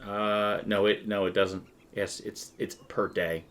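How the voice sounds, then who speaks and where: A man's voice: lowish voice, flat delivery, measured pace, fairly bright tone. A man running a tabletop game as game master, narrating and chatting conversationally with the players.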